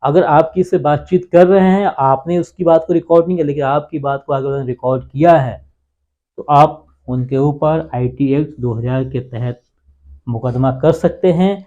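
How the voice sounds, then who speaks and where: A man whose voice is a little high yet dark in tone explains the law to his channel's viewers at a normal speed and with a steady tone. He asks and answers his own questions and keeps repeating key points, recorded with dull lo-fi sound.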